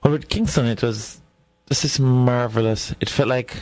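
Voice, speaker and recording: A middle-aged man from Jamaica with a Jamaican accent, a guest scholar telling reflective, unhurried stories in a radio interview. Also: mid-range voice, darkish tone, no room sound.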